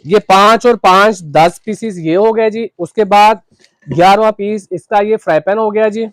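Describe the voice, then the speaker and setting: Chatty shopkeeper, high voice. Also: male voice, moderate pace, no echo. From Pakistan. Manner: chatty, peppers phrases with "ji". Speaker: shopkeeper showing cookware. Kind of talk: casual product demonstration. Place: shop.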